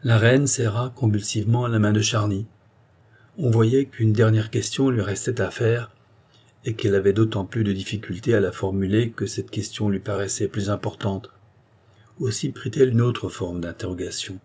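A man narrating a classic novel as an audiobook, reading in a steady, dramatic way. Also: on the low side, normal speed, breathy edge.

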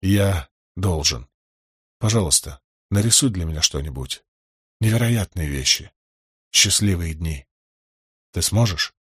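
A man voicing a cold young nobleman who speaks calmly and quietly. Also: a little slow, pauses often, husky, no room sound, clean studio sound, full character voice. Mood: gentle. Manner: calm, cold, low.

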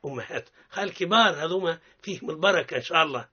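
Husky Tunisian teacher on dull radio. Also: male voice, on the high side, animated, bright, forceful tone. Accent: Tunisian Arabic. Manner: explains step by step and models sounds slowly for listeners to repeat. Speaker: Quran recitation teacher. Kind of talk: radio lesson on recitation.

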